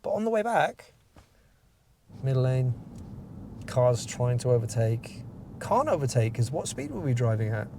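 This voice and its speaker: A man's voice: mid-range voice, sing-song, measured pace, pauses often, darkish tone, slight background noise. A man, a driving instructor giving feedback after a mock test, explaining step by step and asking leading questions.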